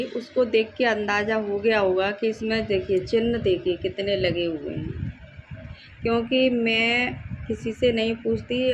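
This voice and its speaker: A woman hosting a devotional video, explaining how to read scripture and slowly reciting its verses. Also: fairly high pitch. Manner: slow, careful recitation of verses. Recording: dull lo-fi home recording with faint noise.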